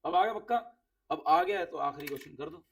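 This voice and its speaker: A man's voice: on the high side, fast talker, fairly bright tone, far from the mic. A man teaching accounts to a class of students, quizzing them, repeating key words and sending off those who answer right.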